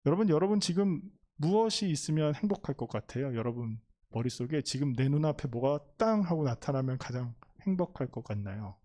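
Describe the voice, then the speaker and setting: A man's voice: a little high, expressive, a little fast, few pauses, warm tone. A young man preaching a youth sermon, telling stories and asking the listeners rhetorical questions. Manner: addresses listeners directly, storytelling with rhetorical questions. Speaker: youth pastor.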